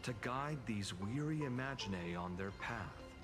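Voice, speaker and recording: A man voicing a composed, courteous guide in a video game, explaining lore in a measured, formal way. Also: mid-range voice, animated, music in the background, close to an everyday voice. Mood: solemn, explanatory.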